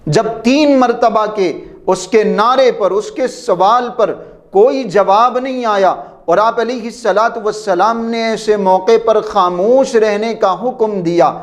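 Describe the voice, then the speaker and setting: A man with a high voice tells a devotional history lesson. His delivery is reverent and steady, and he adds honorifics after every holy name. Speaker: religious history narrator.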